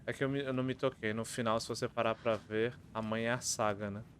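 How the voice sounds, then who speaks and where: Brazilian man thinking out loud. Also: mid-range voice, steady tone, quick pace, a little hiss or hum. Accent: Brazilian Portuguese. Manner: reads riddles aloud and thinks out loud. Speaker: streamer. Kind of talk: live gameplay commentary.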